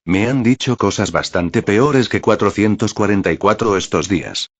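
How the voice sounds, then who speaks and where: A man's voice: fairly low pitch, normal speed. A man reading the part of a beaten, worn-out young man who answers with dry irony. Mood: ironic. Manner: dry, ironic. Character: battered, sarcastic young man, exhausted.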